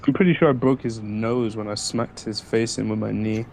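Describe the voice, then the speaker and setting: A man's voice: on the low side, fairly even intonation, vocal fry, darkish tone, slight background noise. A man playing his character in a tabletop role-playing game, talking earnestly and often urging the group to stay on track. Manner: earnest, quick to reassure and refocus. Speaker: player.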